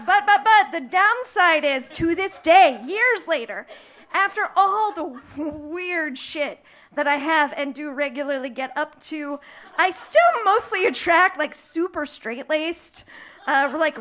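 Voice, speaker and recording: Her voice very high-pitched, bright and forceful, a young Midwestern woman shares a cheeky personal tale on stage. The live audience hears her laughing through the lines of the bawdy, playful story.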